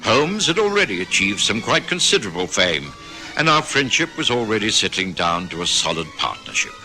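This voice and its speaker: Radio drama: respectable, solicitous family doctor, low-leaning pitch, strikingly bright, forceful delivery. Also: male voice, very animated, faint music behind, heavily acted, rough recording. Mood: reflective storytelling. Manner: measured, solicitous. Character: kindly, respectable Victorian male family doctor, fussily concerned. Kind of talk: radio drama narration and dialogue.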